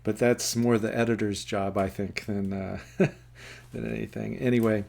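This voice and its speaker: A man with a fairly low, creaky voice reviews a book casually, stumbling through plenty of fillers and self-corrections. When he reads passages aloud, his delivery turns steady and measured.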